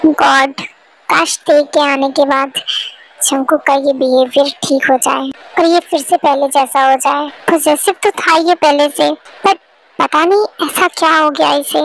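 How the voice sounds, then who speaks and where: A woman's voice: high-pitched, fairly even intonation, measured pace, gravelly, rough recording. A woman voicing an earnest, concerned young man who looks out for his friend, in an amateur fan dub. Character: worried loyal young man, best friend.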